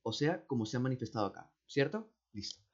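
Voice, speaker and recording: A man with a Peruvian accent explains exam answers step by step, speaking slowly, repeating words and often checking with "¿no?" or "¿cierto?". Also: medium pitch, lively intonation. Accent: Peruvian Spanish. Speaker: teacher. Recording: dull, muffled audio.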